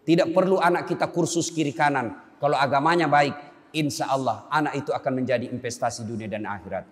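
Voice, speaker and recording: A man's voice: medium pitch, fast. A man with a Makassar accent preaching a sermon, telling stories with acted-out dialogue. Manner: animated storytelling, acting out dialogue. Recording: long hall reverb.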